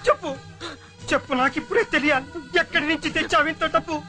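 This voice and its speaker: A man's voice: very high voice, fast. An older man playing a sick grandfather who angrily accuses his daughter-in-law, over film music. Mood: furious. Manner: angry, accusing. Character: sick old grandfather, furious and grieving. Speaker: ailing grandfather. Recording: film soundtrack with loud music.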